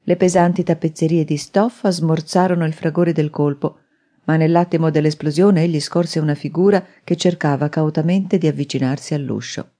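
Woman narrator, low mellow voice, dramatic thriller reading. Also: moderate pace. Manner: dramatic, steady storytelling. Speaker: audiobook narrator. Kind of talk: scripted narration.

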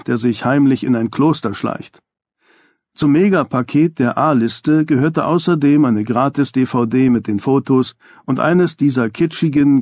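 A man narrating an audiobook in a measured, dry, even storytelling manner on a close studio mic. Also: mid-range voice, no room sound.

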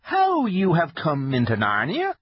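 A man's voice: wildly swooping pitch, measured pace, husky, no echo, exaggerated voice. A man voicing a timid, courteous male fawn who is fussy and easily flustered. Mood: fussy polite. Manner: flustered, courteous, high and fluttering. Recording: dull lo-fi dry recording.

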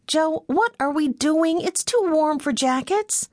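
Woman reading as a stubborn young gal, scolding and wry, pitched way up. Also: animated, slow pace, a little mellow, no room sound, studio quality.

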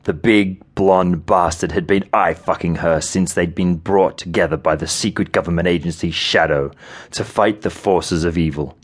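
Deep voiced guy reading an audiobook, measured and vivid storytelling. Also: fairly even intonation, breathy edge. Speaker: audiobook narrator. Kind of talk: scripted narration.

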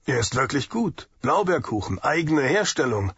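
A man's voice: medium pitch, big pitch swings, normal speed, a bit bright, husky, no echo, exaggerated voice. A man voicing a harried middle-aged diner owner who grumbles and pleads, in a dull lo-fi audiobook recording. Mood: friendly.

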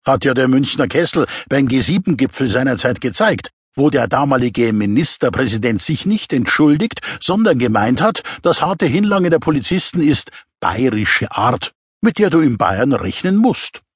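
A man's voice: mid-range voice, big pitch swings, moderate pace, breathy edge, no echo, clean studio sound. A man narrating an audiobook in a wry, chatty storytelling manner with asides.

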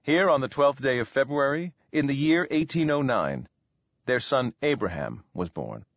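A male audiobook narrator reading with expressive, lively pitch. His middle-pitched voice is recorded dry, with slightly dulled highs. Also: moderate pace, no echo, dull audio. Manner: expressive storytelling. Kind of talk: scripted narration.

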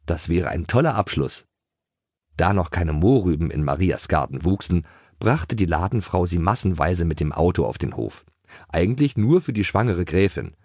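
A man narrating a children's audiobook in a playful, expressive way. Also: low-pitched, dry recording, clean studio sound.

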